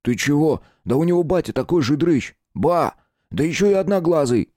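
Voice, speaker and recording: A man voicing a shrill, sneering teenage boy who mocks and jeers as a bully's sidekick, recorded dry and close. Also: animated, normal speed, darkish tone, dry recording. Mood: scornful.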